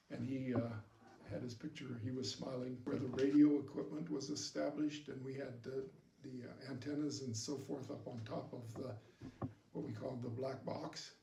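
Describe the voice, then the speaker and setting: An older man, a war veteran, recalling his memories in a halting, reflective way during an interview. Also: mid-range voice, gravelly, mellow. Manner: old veteran remembering, halting and reflective, with long pauses. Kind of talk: recounting wartime memories in an interview. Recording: distant mic, roomy echo, background noise.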